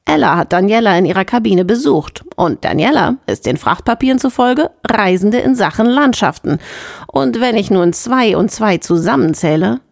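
A woman reading an audiobook, voicing a male starship commander who speaks slowly and deliberately. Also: mid-range voice, lively intonation, gravelly, no room sound, clean studio sound. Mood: probing. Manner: slow, measured, deliberate. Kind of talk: audiobook character voice.

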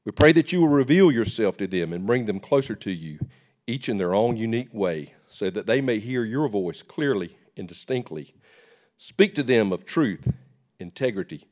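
A man leading a formal public prayer as a legislator, in solemn, measured phrases that start strong and fall away. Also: on the low side, darkish tone. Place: legislative chamber, at the podium.

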